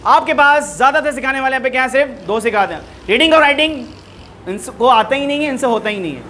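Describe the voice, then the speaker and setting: High, bright-voiced male teacher. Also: fast, slight background noise. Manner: lively, rhetorical questions to students, switches between languages. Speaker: English teacher. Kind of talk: classroom lecture mixing Hindi-Urdu and English.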